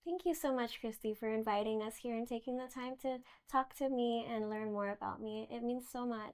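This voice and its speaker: A woman's voice: fairly high pitch, a little fast, darkish tone, clean tone. A young woman giving earnest, grateful answers in an interview as a pageant candidate. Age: young adult.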